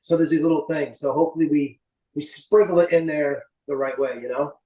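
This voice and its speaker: A man's voice: on the high side, fairly even intonation, brisk, mellow, highs cut off. A man in his late forties giving a rambling, informal interview as a guest filmmaker. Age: late 40s. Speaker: interview guest, indie film writer and director. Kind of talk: casual interview chat. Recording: roomy echo, slightly distant mic.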